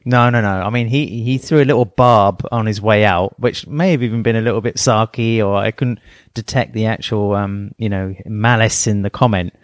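A man's voice: lowish voice, normal speed, hardly any pauses, no echo, studio quality. A middle-aged man co-hosting a podcast, talking things through in a thoughtful, rambling way with many fillers. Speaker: podcast co-host. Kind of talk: casual chat.

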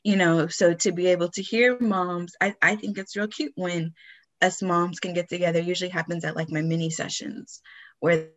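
A woman co-hosting a podcast in casual chat, telling stories with lively laughs and lots of "like" and "you know.". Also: on the low side, moderate pace. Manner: chatty, animated storytelling with frequent laughs; frequent fillers like "like" and "you know". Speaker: podcast co-host.

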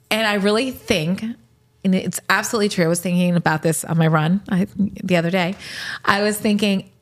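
A podcast host in her late forties, with a voice on the lower side, fields rapid-fire questions on her own show. She answers candidly and reflectively and laughs easily.

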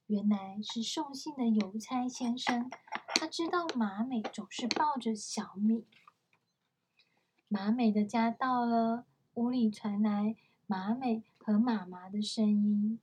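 A woman reading a picture book aloud to her toddler at home, gently stopping to explain things to the child. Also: a little high, slow pace, slight background noise. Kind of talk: storybook reading to a young child.

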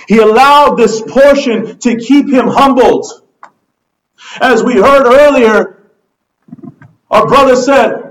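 A man's voice: extremely high pitch, poor audio. A man preaching a sermon as pastor, passionately acting out the pleading prayers of his listeners.

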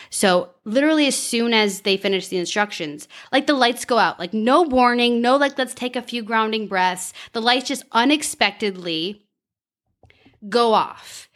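A woman's voice: mid-range voice, fairly bright tone. A woman hosting a casual podcast, telling a story animatedly, laughing and acting out her own thoughts. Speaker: podcast host.

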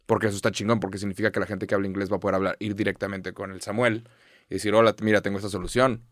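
A man's voice: fairly low pitch, level tone, very fast, no room sound, studio quality. A young Mexican man co-hosting a podcast, chatting casually with lots of slang and swearing. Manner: slangy, profane, emphatic. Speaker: podcast co-host. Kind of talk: casual chat.

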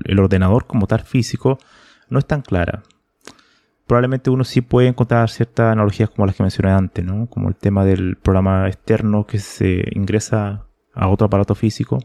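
Male author guest, gravelly and dark-toned, thoughtful explainer, dry close sound. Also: lowish voice, no echo. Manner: thoughtful, explanatory, often ends points with a questioning "no?". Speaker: guest author of a programming book. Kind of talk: conversational technical explanation.

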